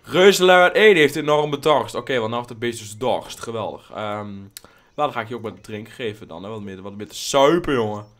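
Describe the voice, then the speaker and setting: A young man hosting a casual let's play, rambling and blunt, swearing freely, mixing in English phrases and breaking into sudden excited outbursts. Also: on the low side, fairly quick. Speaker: gaming channel host.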